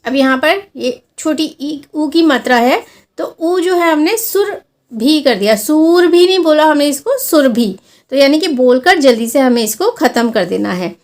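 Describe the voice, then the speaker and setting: A woman's voice: sits high, animated, normal speed. A woman teaching a Hindi lesson on vowel signs, explaining each one patiently and drawing out sample words to show the long and short sounds. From India.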